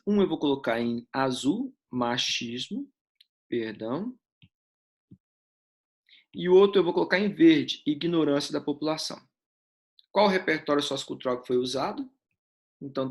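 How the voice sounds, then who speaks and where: Brazilian male teacher, slightly high voice, patient step-by-step explainer, quizzes students. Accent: Brazilian Portuguese. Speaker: essay-writing teacher. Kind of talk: live online class, essay correction.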